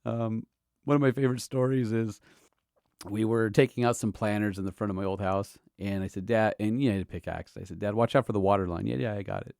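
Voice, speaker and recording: Middle-aged guy on a podcast telling stories about someone he loved, low voice, halting, dry close sound. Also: fairly even intonation, darkish tone, smooth, dry recording. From Southern California. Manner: halting, tender, fond laughs while reminiscing. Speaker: podcast host. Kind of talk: personal tribute, emotional storytelling.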